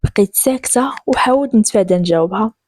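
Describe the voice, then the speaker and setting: A woman with a Moroccan accent narrating a first-person story in a lively way, switching voices for the characters. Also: medium pitch, quick pace.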